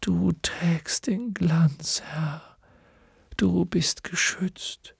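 A man reading an audiobook and voicing a weary, despairing talking horse that speaks haltingly and often in a whisper. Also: sits high, steady tone, gravelly, slightly rough, no room sound, studio quality, pitched above the performer's own voice, full character voice. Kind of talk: audiobook character voice.

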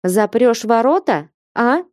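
Young merchant's daughter, tearful but defiant; a woman reads her in a warm, mellow storybook voice. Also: fairly high pitch, lively intonation, no room sound, studio quality, voice pushed up. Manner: pleading, then firm and measured.

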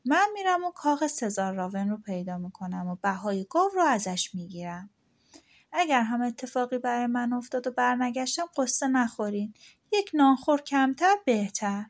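A woman's voice: fairly high pitch, lively intonation. A woman voicing a brave young eldest son in a storybook tale, speaking firmly and reassuringly. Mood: determined. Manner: firm, reassuring.

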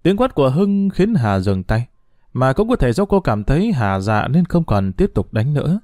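Expressive male storyteller. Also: mid-range voice, normal speed, dry recording, clean studio sound. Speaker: narrator. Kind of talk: storytelling narration.

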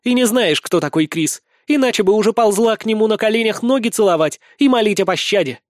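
A man's voice: high-pitched, expressive, fast talker, no echo, clean studio sound, voice pushed up. A man voicing a proud, blunt young cat-girl wife who scolds in a brash way. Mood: scolding.

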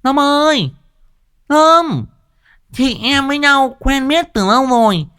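A woman's voice: sits high, animated, slow pace, fairly bright tone, exaggerated voice. Woman as a lisping bully of a village woman. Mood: menacing. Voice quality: lisping, slurred speech. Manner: bellowing, threatening. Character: loud, brutish, bullying middle-aged village woman.

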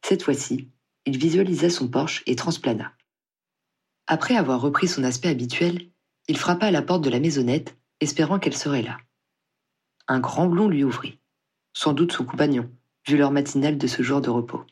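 Husky storybook narrator. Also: medium pitch, normal speed, darkish tone. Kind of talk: scripted audiobook narration.

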